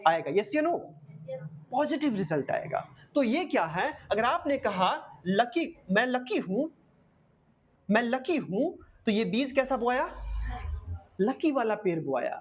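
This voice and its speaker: A woman giving a motivational lesson, putting questions to her listeners and answering them herself. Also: on the high side. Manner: calls listeners "dear my champion". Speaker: motivational coach.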